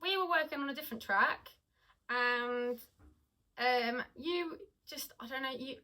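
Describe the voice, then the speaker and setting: A woman with a bright, clear-toned voice chats casually about her own music. She pauses often, filling gaps with ums and restarting her sentences. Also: sits high, rough recording. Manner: hesitant, many ums and restarts. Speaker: singer and podcast co-host. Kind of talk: casual chat.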